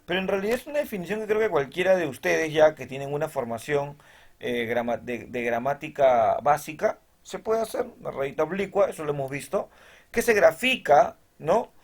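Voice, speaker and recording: Speaking at a normal speed in a fairly high voice, a male teacher delivers a recorded lesson. He breaks everything into steps, asks how his students are doing after most points, and reads the text's definitions aloud.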